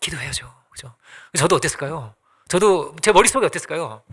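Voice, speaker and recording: A man's voice: on the high side, expressive, brisk, fairly bright tone, slightly rough. A man pastor preaching a sermon in a conversational way, asking the congregation questions and acting out little quoted exchanges.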